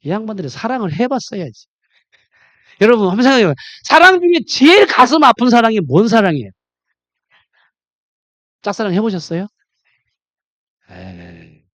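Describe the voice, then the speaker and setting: A male pastor preaches a sermon, recorded with no room sound. He questions the congregation directly and swings between loud, emphatic lines and low, confiding ones.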